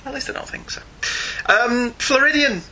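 A man's voice: very high voice, moderate pace, slight background noise. A middle-aged man hosting a podcast, reading listener emails in casual chat and laughing often. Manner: animated, laughs often, reads emails aloud.

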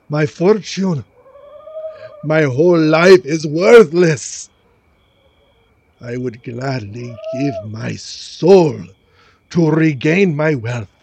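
A man voicing a ruined, bitter aristocrat count who speaks in a slow, brooding, melodramatic way. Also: on the high side, creaky, a little mellow, breathy edge, no echo, heavily acted.

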